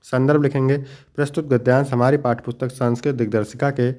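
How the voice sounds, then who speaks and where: A man's voice: medium pitch, steady tone, fast talker, a little mellow. Man teaching an exam walkthrough. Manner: explains each question and answer step by step, addressing students fondly. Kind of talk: exam paper walkthrough lesson.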